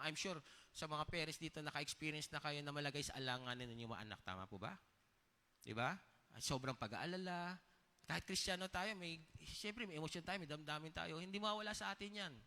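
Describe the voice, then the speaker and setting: A man's voice: fairly high pitch, sharp tone. A man preaching a sermon as pastor, telling personal stories in a conversational tone and often checking in with the congregation through short questions. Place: church hall. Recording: long reverb of a church hall.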